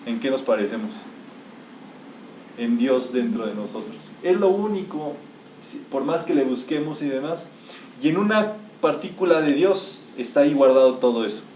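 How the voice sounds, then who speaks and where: A man's voice: medium pitch, normal speed, a little mellow. A man teaching a spiritual lecture to a live group, emphatic and quizzing his listeners with questions. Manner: emphatic, asks the audience rhetorical questions. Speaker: metaphysics teacher. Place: echoey room with listeners. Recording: echoey room, mic far off, faint hiss.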